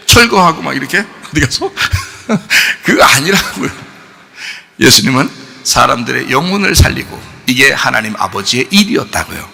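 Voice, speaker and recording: Animated, gravelly pastor preaching in a hall. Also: male voice, normal speed. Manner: animated, asks the congregation questions; acts out quoted voices with big swings in pitch and loudness. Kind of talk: sermon. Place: church sanctuary.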